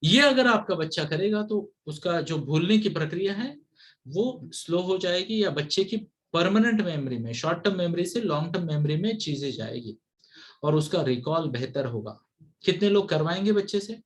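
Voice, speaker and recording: A man's voice: high voice, animated, moderate pace. A man coaching parents on study habits over a video call, who mixes English into his Hindi and keeps asking his listeners to answer yes or no. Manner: mixes English into Hindi, asks the audience constant yes-or-no checks.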